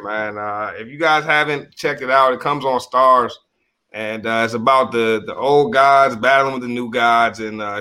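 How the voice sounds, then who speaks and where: A man's voice: medium pitch, pushed and bright, clean tone. A man on a podcast panel chatting casually in slangy talk, repeating phrases for emphasis. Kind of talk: casual chat.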